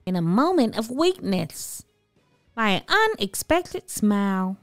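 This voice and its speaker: This woman narrates a children's story slowly and with great animation, her mid-range voice drawing out important words for dramatic emphasis. There's no room sound in the recording, and music plays behind her.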